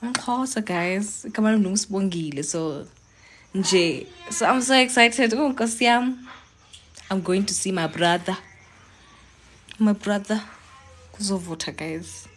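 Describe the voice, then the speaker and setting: Young woman, South African accent, casual live-stream chat, middle pitch, faint hiss behind, phone mic at home. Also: a little slow, pauses often. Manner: chatty, switches between English and local languages, encouraging.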